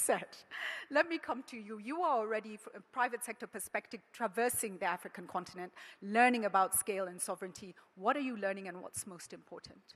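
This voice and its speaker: A woman moderating a panel discussion, lively and speaking directly to the audience. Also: a little high. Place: conference hall. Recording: reverberant conference hall.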